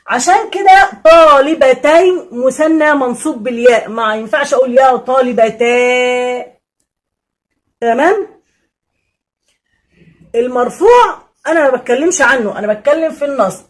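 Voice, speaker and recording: Lively Egyptian woman teaching grammar. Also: high-pitched. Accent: Egyptian Arabic. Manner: lively, repeats key points, answers imagined student questions. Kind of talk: casual classroom explanation.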